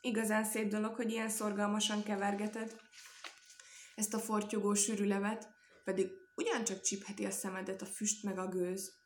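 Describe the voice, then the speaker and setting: A woman voicing a kindly, gracious hostess who has a polite, flattering word for everyone, in an echoey room. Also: mid-range voice, slight background noise, lightly acted.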